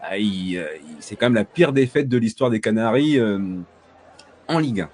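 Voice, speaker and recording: A man's voice: lowish voice, lively intonation, a little fast, a little mellow. A man hosting a casual sports news podcast, chatty and full of hesitations, restarts and jokey asides to his listeners. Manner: hesitant, heavy fillers and restarts. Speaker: podcast host.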